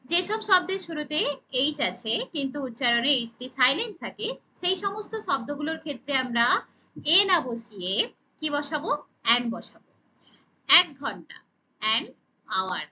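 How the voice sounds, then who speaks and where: Bengali-accented woman teacher, high bright voice, self-answering questions, dull lo-fi sound. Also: slight background noise. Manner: asks and answers her own questions, says "okay" often. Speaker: English teacher for children. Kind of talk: explaining grammar lesson.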